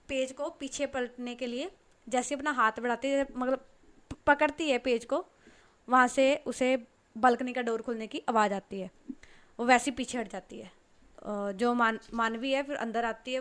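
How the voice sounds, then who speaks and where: Chatty woman telling a love story. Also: a little high. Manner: chatty, retells the story in her own words. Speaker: audiobook narrator. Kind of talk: casual storytelling narration.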